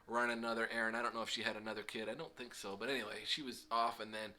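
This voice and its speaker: A man's voice: fairly low pitch, level tone, racing, pushed and bright. A middle-aged man casually telling a self-deprecating story with lots of fillers. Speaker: vlog host.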